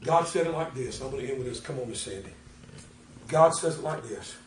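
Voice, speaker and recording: An older man preaching a folksy, animated sermon as pastor, acting out little conversations. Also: mid-range voice, a little fast, a little hiss or hum. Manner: folksy, animated, acts out dialogue. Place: church. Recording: echoey church room from far off.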